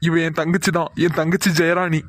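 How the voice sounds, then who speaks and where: A man's voice: on the high side, level tone, fairly quick, no room sound, clean studio sound, close to an everyday voice. A man voicing an emotional older chairman in a cartoon, begging his lost sister's forgiveness. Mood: earnest. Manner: emotional, imploring. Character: tearful older chairman, long-lost woman's brother. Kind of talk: cartoon voice acting.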